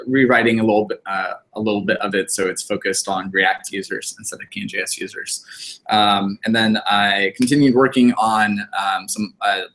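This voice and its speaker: A man with a somewhat low voice leads a casual contributors meeting. He's from California and talks in a relaxed, friendly way, with plenty of uhs and ums. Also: poor audio. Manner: relaxed, filler-heavy, friendly. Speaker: meeting host.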